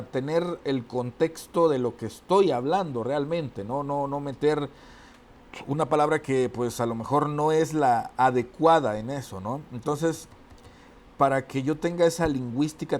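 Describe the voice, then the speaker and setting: A man lecturing in an unhurried, explanatory way. His voice sits at an ordinary middle pitch for a man, and he keeps tacking quick questions onto his sentences and restarting phrases as he thinks aloud. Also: a little mellow. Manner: explanatory, frequent tag questions, repeats and restarts. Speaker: teacher. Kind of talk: spoken lecture on oratory.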